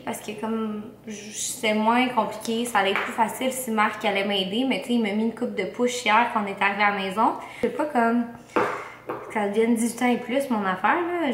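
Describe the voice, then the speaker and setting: A woman's voice: fairly high pitch, normal speed. A young woman with a Québécois French accent chats casually in a slangy vlog style sprinkled with English words, her mouth swollen after wisdom teeth removal. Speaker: vlogger. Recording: roomy echo, faint background noise.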